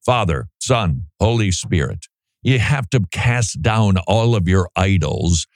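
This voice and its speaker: A man's voice: low voice, expressive, slow, no room sound, clean studio sound. A man with a congested, nasal voice, as if pinching his nose, hosting religious talk radio in an emphatic, dramatic, stop-and-start way. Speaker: radio show host.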